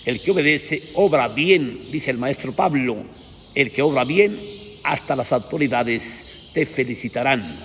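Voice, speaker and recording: Brief: earthy Mexican preacher telling folksy stories, echoey hall, faint hiss behind. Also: male voice, medium pitch, lively intonation, a little slow. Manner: colloquial, crude, rhetorical "¿sí?" tags.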